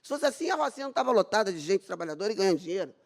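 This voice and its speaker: A middle-aged woman with a Brazilian Portuguese accent tells her own story from a stage. Her pitch swoops widely as she acts out the dialogue, and her voice has a gravelly fry. She talks with open, faith-filled zeal. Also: very animated, rapid-fire. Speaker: dermatologist giving a talk. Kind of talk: personal testimony talk on stage.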